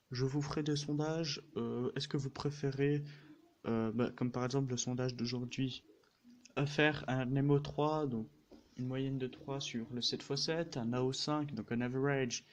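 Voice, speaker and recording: A man from France talks casually about his speedcubing channel, his voice sitting at an ordinary middle pitch. He hesitates a lot, filling gaps and restarting phrases as he goes. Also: a little mellow. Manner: hesitant, with frequent fillers and self-corrections. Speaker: speedcubing YouTuber. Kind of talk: casual channel introduction to camera.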